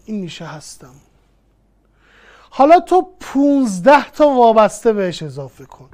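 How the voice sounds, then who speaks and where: A woman's voice: on the high side, big pitch swings, darkish tone. A woman teaching a grammar lesson online, patiently repeating each rule and working through examples one by one. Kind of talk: online lesson, explaining step by step.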